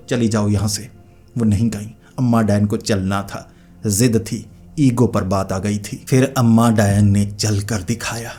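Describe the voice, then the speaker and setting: A man's voice: mid-range voice, a little mellow. A man narrating a horror story in a chatty, conversational way.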